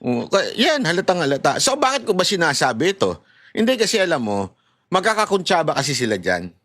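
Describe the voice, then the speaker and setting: A middle-aged man from Manila with a loud voice, giving casual, animated political commentary as a vlogger. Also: fairly high pitch, brisk, dry recording. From Manila, Philippines. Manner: animated and chatty, laughs at his own asides.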